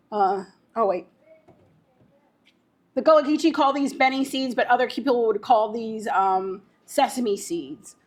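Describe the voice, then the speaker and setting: A woman giving an informal guided tour, explaining things in a halting way with frequent pauses mid-phrase. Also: on the high side. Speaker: museum guide.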